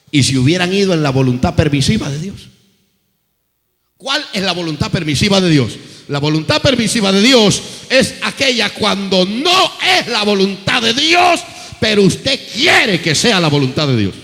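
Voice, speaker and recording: A man's voice: high-pitched, sharp tone, in a large hall. A male preacher, delivering an impassioned sermon full of rhetorical questions and acted-out quotes.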